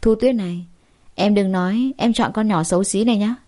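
A woman's voice: mid-range voice, a little fast, mellow, lightly acted. A woman voicing a scornful rich young man who mocks a plain girl, rude and sneering.

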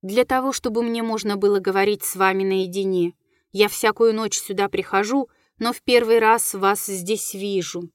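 A plaintive, mocking ghost of a young lady in an audiobook, read out by a woman. She speaks softly and sadly, at an ordinary pitch. The recording is dry and close. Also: steady tone, moderate pace, no echo, natural voice.

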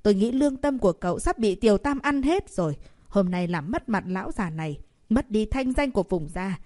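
A woman's voice: moderate pace, lightly acted. A woman voicing a proud old grandmother in an audiobook, scolding her grandson in a raised voice. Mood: furious scolding. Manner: scolding, shrill and loud. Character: furious old grandmother, proud family matriarch.

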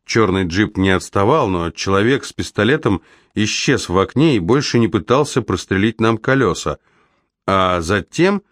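A man reading a novel aloud as an audiobook narrator, in a steady, even storytelling manner. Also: on the low side, dry recording, studio quality. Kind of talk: scripted narration.

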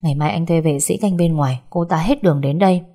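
A woman voicing a harsh, threatening young man who shouts at his ex-wife in a story. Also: deep voice, fast talker. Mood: dismissive. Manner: harsh and bullying. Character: angry, threatening young ex-husband.

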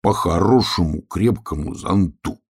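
A slow, ponderous bear cub , as a man puts him on, deep and gravelly, drawing out each thought. His voice is husky and rough. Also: heavily acted.

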